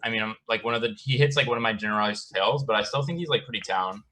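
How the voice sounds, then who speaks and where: A man's voice: fairly low pitch, very fast, pushed and bright, a little hiss or hum. A man casually listing who he trusts in a party game, leaning on "like" constantly. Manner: loose, filler-heavy, says "like" a lot. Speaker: game player.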